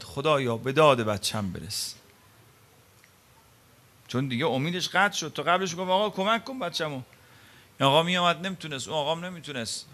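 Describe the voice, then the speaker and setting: Forceful man preaching with drama. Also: on the high side. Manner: dramatic storytelling with rhetorical questions; swings between loud emphasis and hushed quiet. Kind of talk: sermon.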